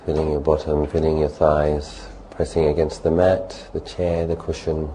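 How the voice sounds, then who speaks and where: Faint ambient noise underlies this guided meditation from a male teacher. His voice is very low and soft-edged, and he delivers short phrases calmly and without hurry, leaving long gaps between them.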